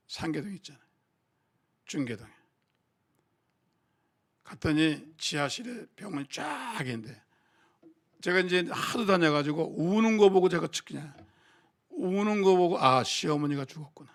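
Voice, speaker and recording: Older male pastor, high gravelly voice, bright and forceful, animated sermon delivery with sudden shouted peaks. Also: a little slow, pauses often. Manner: animated preaching, swings from quiet asides to shouting. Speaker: senior pastor.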